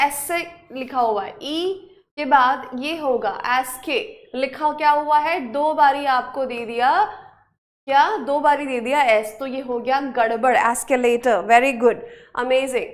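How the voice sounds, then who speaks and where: Female spelling teacher, Indian accent, high pitched, brisk and encouraging with her class. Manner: brisk, praising, urging students to hurry. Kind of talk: live online class, quizzing students.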